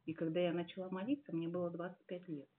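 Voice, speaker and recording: A woman in her late forties giving a heartfelt church testimony, earnest and musing, with many pauses and fillers. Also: lowish voice, flat delivery, slight background noise. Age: 40s. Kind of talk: personal testimony at a service. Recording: tinny phone-like sound.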